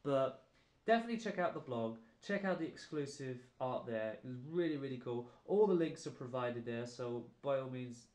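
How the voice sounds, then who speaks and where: A man's voice: medium pitch, animated, normal speed, a little mellow. A man, co-hosting a casual podcast chat in a teasing, jokey way. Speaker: podcast co-host. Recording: echoey room.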